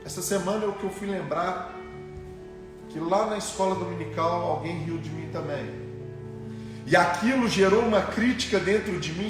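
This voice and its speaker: A young Brazilian man preaching a testimonial sermon, telling a story and acting out the voices he quotes. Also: high voice. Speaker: pastor. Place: church sanctuary. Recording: echoey church hall, distant mic, faint music.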